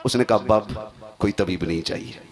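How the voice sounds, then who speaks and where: A man preaching a devotional sermon in an impassioned way, his voice rising to loud cries. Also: lowish voice, a little fast.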